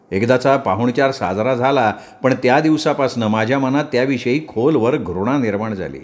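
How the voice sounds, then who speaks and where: A man reading a novel aloud in a calm, measured first-person narration. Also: mid-range voice. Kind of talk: scripted narration of a memoir novel.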